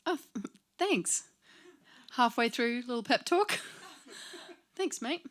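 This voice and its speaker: A woman's voice: fairly high pitch, expressive, slow pace, fairly bright tone. A woman in her forties chatting casually between songs at a home live stream, laughing often and filling gaps with ums. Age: 40s. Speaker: singer-songwriter hosting a live stream. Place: home lounge.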